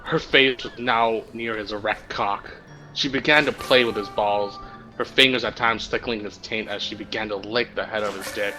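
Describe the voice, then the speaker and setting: A man with a fairly low, pushed, bright voice reads roleplay text to friends at a moderate pace and with fairly even intonation, stumbling at times and trying not to laugh. The recording is rough, with faint music and slight background noise on the voice chat mic.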